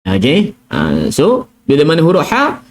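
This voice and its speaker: Here a middle-aged man with a Malaysian Malay accent teaches tajwid live and casually, his fairly high voice swinging hugely in pitch at a slightly slow pace. He is a Quran recitation teacher whose chatty delivery is dotted with "kan?" and "ah," and he sometimes whispers or chants letter sounds as demonstrations.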